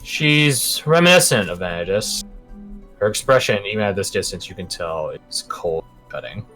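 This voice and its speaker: A man with a lowish, bright voice runs a tabletop game as game master. He sets scenes with dramatic pauses, then drops into casual explanation, with faint music behind him. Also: animated. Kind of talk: narrating a tabletop game, scripted-sounding description mixed with casual asides.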